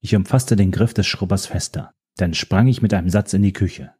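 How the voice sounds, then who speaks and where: A man narrating a first-person audiobook in a steady, unhurried storytelling manner. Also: sits low, breathy edge.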